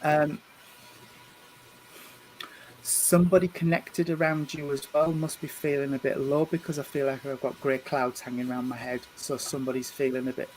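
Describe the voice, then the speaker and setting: A man, working as a medium and giving a spirit reading at a church service. He speaks gently and reassuringly, often stumbling over and repeating his words. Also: medium pitch, level tone, moderate pace, slight background noise, low-quality recording. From England. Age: 50s. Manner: hesitant, repeats and restarts words.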